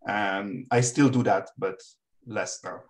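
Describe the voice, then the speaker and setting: A man who heads a school's game department, introducing himself in a relaxed way that trails off. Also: lowish voice, takes it slowly.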